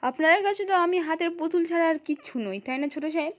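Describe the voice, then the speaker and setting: A defiant young wife with a West Bengal accent, proud and bitter, as a woman narrator reads her lines. She talks fast and high, accusing and indignant, like a storybook retelling.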